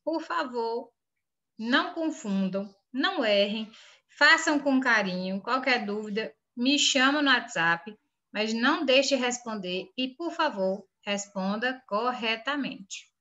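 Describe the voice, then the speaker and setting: A woman's voice: fairly high pitch, lively intonation, slow pace, pushed and bright, lo-fi sound. A woman teacher with a Brazilian Portuguese accent, reading through an exam and firmly urging her pupils not to make mistakes.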